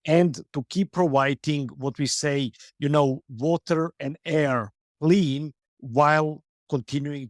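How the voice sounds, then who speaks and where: A middle-aged man from Serbia, answering interview questions in a measured way with frequent hesitations. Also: mid-range voice, no room sound, studio quality. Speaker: business executive guest.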